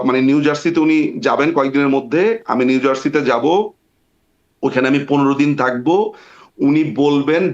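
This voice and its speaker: A man, a barrister guest on an interview show, telling a long story with hesitations and reenacted dialogue. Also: mid-range voice. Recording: dull lo-fi sound.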